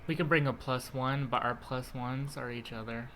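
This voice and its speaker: A man hosting an eating vlog, chatting casually and chiming in with quick, supportive remarks. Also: medium pitch, steady tone, a bit bright, slight background noise. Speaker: host. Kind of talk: casual chat while eating.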